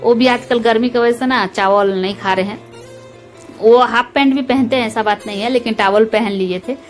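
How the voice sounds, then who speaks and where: A woman's voice: fairly high pitch, steady tone, moderate pace. A woman, a mother, chatting homely and directly to her viewers as she walks them through cooking lunch at home. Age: adult, mother of school-age children. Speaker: home vlogger. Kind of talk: casual chat narrating a cooking routine. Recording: voice under loud background music.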